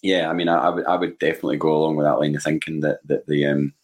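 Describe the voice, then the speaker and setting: A Scottish man in his forties talking casually about football in a halting, repetitive way as a podcast panellist. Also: very deep voice, level tone. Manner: halting, repeats words.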